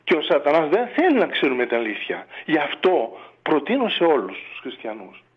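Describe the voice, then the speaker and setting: A man's voice: on the high side, very animated, husky. A man, a monk, speaking in a radio interview in a fatherly, exhorting way, full of rhetorical questions, heard over dull lo-fi radio audio. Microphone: radio studio or phone line.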